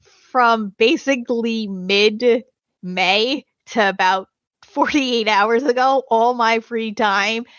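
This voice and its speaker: A woman's voice: a little high, slow pace, fairly bright tone, no room sound, highs cut off. A woman chatting casually as a podcast guest, laughing often as she talks. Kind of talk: casual chat.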